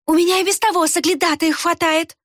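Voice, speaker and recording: A woman's voice: high voice, expressive, very slow, no echo, clean studio sound, voice pushed up, heavily acted. A woman reading an audiobook voices a cunning female fox killer who speaks venomously and sneers. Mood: venomous fury. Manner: hissing, spiteful, sneering.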